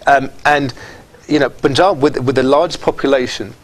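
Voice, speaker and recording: A middle-aged man answering interview questions, earnest and halting, often repeating words. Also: medium pitch, steady tone, poor audio. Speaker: football association official.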